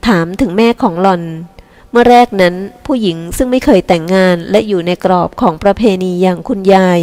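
A woman reading a novel aloud in a calm, steady storytelling voice. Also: medium pitch, fairly quick, in a large hall. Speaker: audiobook reader. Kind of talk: scripted narration.

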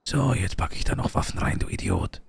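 A brash, mocking car thief under arrest, as a man plays him. He talks fast, his voice a little high and gravelly. The recording is close and dry. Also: no room sound. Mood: defiant. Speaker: roleplay player. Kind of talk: casual role-play.

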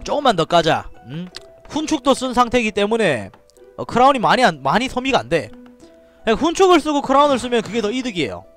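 An excitable man from Daegu, South Korea, speaking in the Gyeongsang dialect, gives live commentary while streaming a strategy game, his high voice jumping about quickly as he shouts commands. Between outbursts he sinks into low mutters and asides for his viewers, with faint music underneath.

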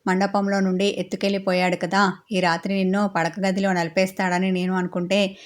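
A woman voicing a teasing, mischievous young female friend in a flat, level voice. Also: mid-range voice, fairly quick, close to an everyday voice.

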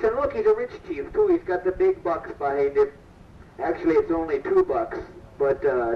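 A man's voice: fairly high pitch, a little hiss or hum. Joking man in pirate-captain patter. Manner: jokey, pirate-style "aye" interjections. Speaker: ship captain giving a ride spiel. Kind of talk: comedic live tour spiel. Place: aboard a sailing ship attraction. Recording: distant roomy lo-fi PA recording.

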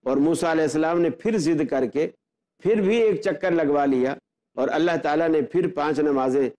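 Earnest scholar man, mellow voice. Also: a little high, normal speed. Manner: earnest, builds points with rhetorical questions. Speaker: Islamic scholar and guest speaker. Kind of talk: religious explanatory talk.

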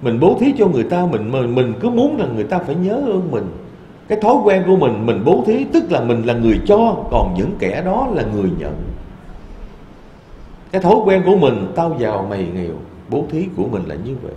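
A man, a Buddhist monk, giving a dharma talk in a temple hall with lively storytelling. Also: on the high side, brisk, muffled recording, slight background noise. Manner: lively storytelling, quoting voices in asides.

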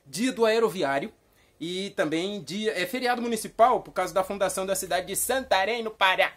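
A woman hosting a playful comedy vlog, rambling and teasing, with sudden mock shouts. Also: medium pitch, brisk. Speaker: vlog host.

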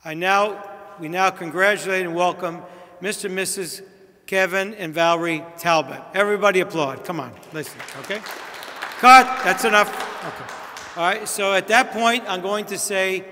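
Priest running a rehearsal: high-pitched man, breezy instructions with quips, long church echo. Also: normal speed, pushed and bright, some chatter behind, a little hiss or hum. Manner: chatty, directive, joking asides. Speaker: priest leading a wedding rehearsal. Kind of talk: giving stage directions at a rehearsal. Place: large church.

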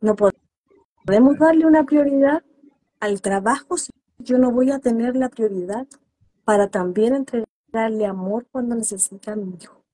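A woman's voice: a little high, moderate pace, warm tone, dry recording. A woman therapist speaking earnestly in an interview about parenting, acting out parents and children as she explains. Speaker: guest therapist.

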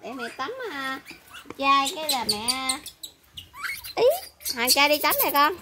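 A woman coos in gentle baby talk, as if to small pets. Her voice sits high. The home recording carries clear background noise. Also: slow pace. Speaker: pet monkey owner. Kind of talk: home video chat to pets. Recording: noisy background.

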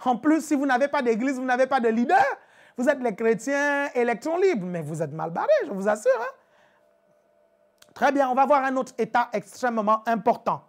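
A woman preacher giving a live-streamed teaching sermon, chatty and animated, laughing often and repeating calls to her viewers. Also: high voice, normal speed.

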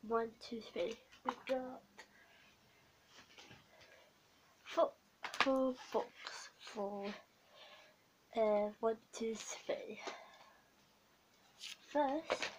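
A young woman playing an attentive bookshop and library clerk in an ASMR role-play, talking haltingly in short, repeated phrases. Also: on the high side. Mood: helpful. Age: young adult. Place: small home room, indoors. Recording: noisy home recording with clicks.

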